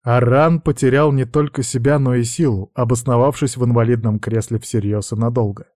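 A man narrating an audiobook in an even, measured way. His voice is mellow and dark, recorded close in a completely dry studio with no room sound. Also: medium pitch, dry recording. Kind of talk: scripted narration.

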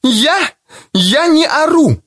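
Man doing an enraged, distraught mother, high and shaking, for an audiobook. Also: big pitch swings, slow, a bit bright, exaggerated voice. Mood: furious. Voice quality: high strained trembling voice. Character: furious shrill distraught adult mother. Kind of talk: audiobook character voice.

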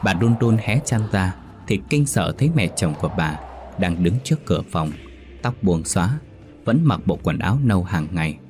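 Man, very deep voice, scripted horror narration, measured, faint music. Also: lively intonation, darkish tone.

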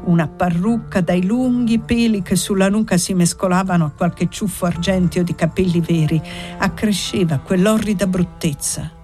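A woman narrating a classic novel in a calm, even storytelling manner. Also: lowish voice, moderate pace, soft background music. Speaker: audiobook narrator. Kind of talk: scripted narration.

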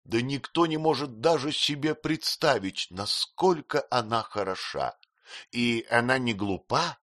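A man reading an audiobook, voicing a blunt, fond elderly great-aunt who speaks in brisk exclamations. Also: medium pitch, lively intonation, fairly bright tone, dry recording, clean studio sound, pitched above the performer's own voice. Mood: teasing. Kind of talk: audiobook character voice.

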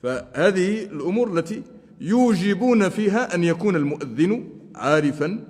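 A male Islamic scholar gives a religious lesson, speaking deliberately and slowing down to demonstrate chanted phrases. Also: high voice, expressive, darkish tone. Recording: long hall reverb.

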